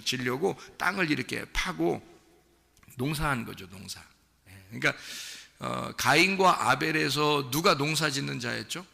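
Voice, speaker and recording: A man's voice: medium pitch, creaky, pushed and bright, big-room sound. A male pastor preaching a conversational sermon, quizzing the congregation and acting out quoted lines with rising animation. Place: church sanctuary.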